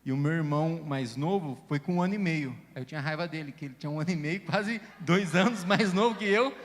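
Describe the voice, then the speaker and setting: A man's voice: fairly high pitch, quick pace, long reverb tail. A man who stutters at times, telling personal stories in a casual panel discussion at a church event. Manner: stammers at times, many fillers; reflective personal storytelling.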